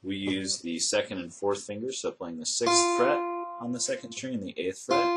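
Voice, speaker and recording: A man with a fairly low voice teaches guitar step by step. His explanations are measured and methodical. Acoustic guitar notes and plucking are prominent around his voice. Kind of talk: instructional demonstration with step-by-step explanation. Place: indoor room with instruments.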